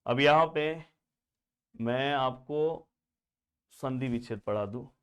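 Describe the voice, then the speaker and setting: A man's voice: mid-range voice, slow, clean tone, highs cut off. A man teaching grammar for board exams in a chatty way. He keeps calling the students friends and asks and answers his own imagined student questions. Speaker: Hindi grammar tutor. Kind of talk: exam-prep lesson.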